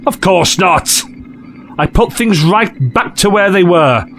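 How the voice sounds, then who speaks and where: An actor playing a breezy, cheeky time-travelling adventurer in an audio drama, with a jaunty, theatrical, teasing manner. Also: male voice, sits high, slow, fairly bright tone, a little hiss or hum. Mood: smug, firm.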